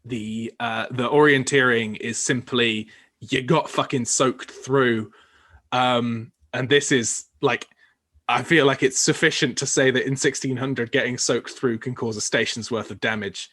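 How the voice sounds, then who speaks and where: A man runs a tabletop game as its game master, with a bright, forward tone. He narrates haltingly, full of fillers and restarts. His pitch sits mid-range for a man. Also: steady tone. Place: home recording for a podcast.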